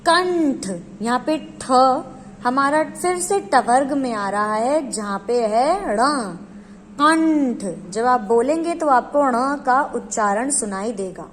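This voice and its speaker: Slow, high-voiced woman teaching Hindi. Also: expressive, long reverb tail, slight background noise, poor audio. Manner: asks the listener questions, then answers them. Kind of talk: slow explanatory lesson.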